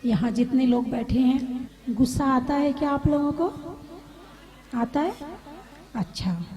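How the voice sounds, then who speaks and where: A woman, a Jain nun, giving a conversational sermon, asking her audience questions with gentle humor. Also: high voice, unhurried, rough recording.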